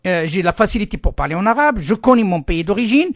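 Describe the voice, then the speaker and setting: A man's voice: sits high, very animated, fast talker, dry recording. Male radio host posing long, winding questions in a dead-dry studio. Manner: rambling, repeats himself while framing questions. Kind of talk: radio interview.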